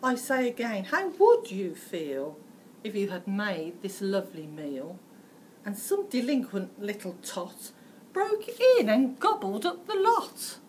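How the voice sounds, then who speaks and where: Narrating a rhyming storybook with dramatic, teacherly flair, this British woman phrases deliberately and emphatically in a mid-range, slightly mellow voice whose pitch swoops wildly. The recording is rough, and some background noise comes through.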